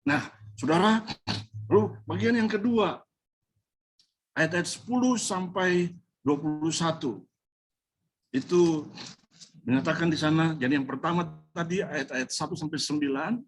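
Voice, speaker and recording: A man's voice: a little high, unhurried, long pauses. Emotional man preaching a testimony. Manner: emotional storytelling, addresses the congregation directly; slips English words and phrases into his speech. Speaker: pastor. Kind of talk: sermon with personal testimony.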